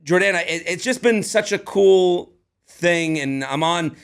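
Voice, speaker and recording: A man in his thirties, a comedian co-hosting a podcast, chatting casually and rambling excitedly as he promotes his work. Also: high voice, a little slow, gravelly, smooth. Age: 30s.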